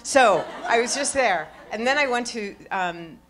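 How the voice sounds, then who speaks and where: A middle-aged woman talking onstage at a live event, exuberant and profane, swinging from quiet remarks to loud exclamations and laughing often. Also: fairly high pitch, expressive, measured pace, slight background noise. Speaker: award honoree speaking onstage. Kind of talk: lively onstage conversation with profanity.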